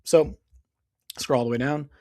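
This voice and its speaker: A man who owns an SEO business narrates a screen-share demo casually, with frequent ums and restarts while he explains. His mid-range voice is growing hoarse and he clears his throat at times; his tone is steady and dark, his pace measured.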